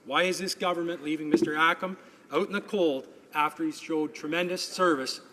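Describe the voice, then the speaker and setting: A man's voice: fairly high pitch, a little fast, pushed and bright. A man who is a member of parliament putting a prepared, formal question in the chamber. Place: large legislative chamber. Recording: echoey hall, faint crowd and noise.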